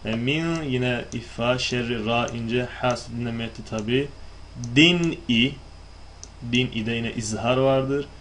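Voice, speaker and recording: Man, teacher, recitation lesson, didactic, demonstrates pronunciation, mid-pitched voice, faint background hiss. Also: steady tone, a little slow, few pauses. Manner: didactic, asks and answers own questions. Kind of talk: explanatory lesson.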